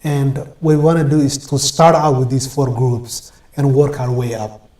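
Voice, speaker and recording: A man from Ethiopia, a guest in an interview, answering in a measured way with many pauses and fillers. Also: mid-range voice, fairly even intonation, a little mellow. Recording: roomy echo.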